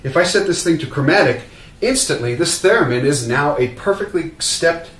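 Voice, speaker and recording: A man casually demonstrating a vocal effects pedal, explaining in a relaxed way with fillers and restarts. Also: a little high, normal speed. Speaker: product demonstrator. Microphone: open vocal mic at a distance. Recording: roomy, distant mic, faint hum.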